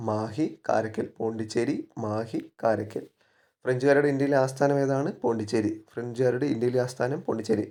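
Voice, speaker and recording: Guy teaching exam prep, repeats answers over and over, middle pitch. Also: warm tone. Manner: repeats key facts and quizzes himself. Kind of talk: spoken exam-prep lesson.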